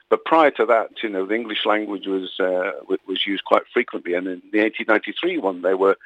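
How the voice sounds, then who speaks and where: Over a tinny phone line, a Welsh author is a guest on a radio interview. His voice is on the low side with a fairly bright tone and no room sound, and he talks hesitantly, full of ums, fillers, and restarts.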